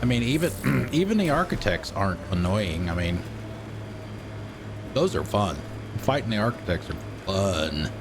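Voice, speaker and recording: Low-voiced man doing casual gameplay commentary. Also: big pitch swings, measured pace. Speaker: game streamer. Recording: game noise behind the voice.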